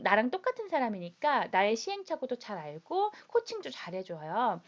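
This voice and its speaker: A woman lecturer explaining personality types to students, speaking directly to her audience in an explanatory way. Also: on the high side. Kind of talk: classroom lecture. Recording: dull lo-fi recording.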